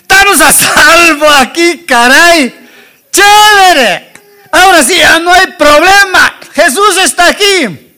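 An eager, relieved Peter chatters away from his boat, as a preacher acts him out. The voice is very high and bright and jumps around a lot. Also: very animated, drawn-out words, full character voice. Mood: excited. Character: excited, relieved male apostle Peter in a boat.

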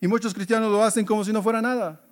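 High-voiced, emphatic male preacher. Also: fairly even intonation, rapid-fire. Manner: emphatic preaching with rhetorical questions; swings between loud exclamations and quiet asides. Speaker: pastor. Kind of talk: sermon.

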